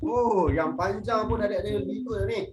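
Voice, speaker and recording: A man's voice: sits high, normal speed, over loud music. A young man running an online workshop for primary pupils, talking in an upbeat, playful way and leading call-and-response drills. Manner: upbeat and playful, calls himself big brother, leads call-and-response drills. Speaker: workshop facilitator for schoolchildren. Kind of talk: webinar talk to primary pupils. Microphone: online video call. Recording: noisy online webinar audio.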